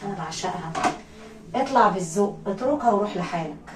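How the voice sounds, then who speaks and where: A woman with an Egyptian accent voicing a possessive male jinn king who speaks in a low, pressing murmur. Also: expressive, fast, roomy sound, far from the mic, natural voice, poor audio.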